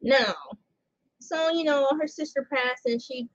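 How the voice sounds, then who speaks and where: High-voiced chatty woman vlogger. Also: fairly even intonation, a little slow, highs cut off. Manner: rambling and chatty, laughs often. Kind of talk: casual chat. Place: indoors under bright lights.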